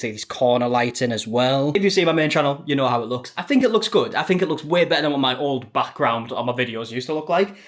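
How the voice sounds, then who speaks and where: A young man chatting casually in a vlog, laughing often as he shows things around. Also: mid-range voice. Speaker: vlogger.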